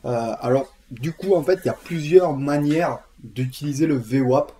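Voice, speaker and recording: A man's voice: mid-range voice, moderate pace, warm tone. A man with a southern French accent explaining a trading tool in a casual screen-share tutorial, chatty, with frequent fillers and repeated words. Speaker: trading educator.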